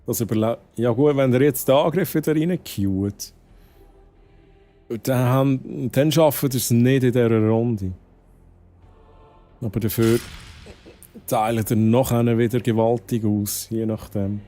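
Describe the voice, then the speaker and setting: A man's voice: mid-range voice, unhurried, long pauses, dark tone, no echo, faint music behind. A young man from Switzerland with a Swiss German accent, chatting casually to his chat while gaming, often dropping English exclamations. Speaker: streamer.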